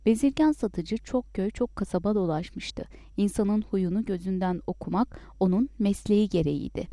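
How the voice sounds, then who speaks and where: A woman narrating a story as an audiobook in a calm, measured way. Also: mid-range voice, no echo.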